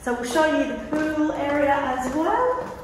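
An Australian woman with a high, sing-song voice takes her time presenting a prize home tour, casually narrating as she walks through hard-surfaced apartment rooms. The recording has roomy echo, a distant mic and background noise.

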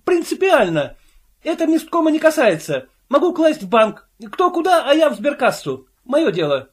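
A man voicing an indignant invisible office clerk who argues in a shrill, insistent, pleading way. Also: wildly swooping pitch, moderate pace, full character voice.

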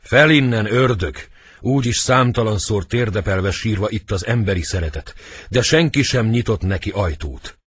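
A man's voice: expressive, slightly rough, dry recording. A cowardly scheming young nobleman, as a man reads him. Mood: cursing. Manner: shrill, pleading stage delivery.

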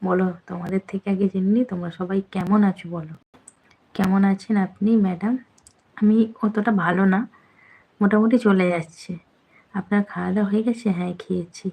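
Gravelly-voiced woman chatting on a live stream. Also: medium pitch, steady tone, brisk, dark tone, rough recording. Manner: chatty, affectionate, teasing. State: slightly out of breath. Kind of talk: casual live chat reading viewer comments.

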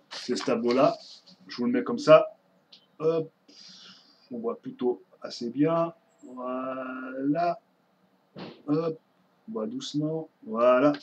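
A man's voice: medium pitch, a little mellow. A man, reading an official document aloud in a casual explainer and breaking off for asides and restarts. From Switzerland. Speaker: vlogger.

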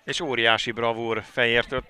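An excited man calls a football match. His voice is bright and forceful at an ordinary male pitch. He delivers the commentary in exclaiming bursts. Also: clean tone.

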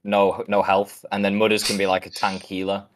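Low-voiced man chatting over a game. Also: monotone, normal speed. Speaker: gaming streamer. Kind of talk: casual multiplayer gaming chat.

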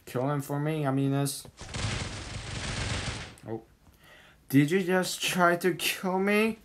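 Exasperated gamer with slow, noisy game commentary. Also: mid-range voice. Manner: exasperated gamer complaining in repeated short outbursts. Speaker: gaming video creator. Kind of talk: casual first-person shooter gameplay commentary. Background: video game gunshots and clicks.

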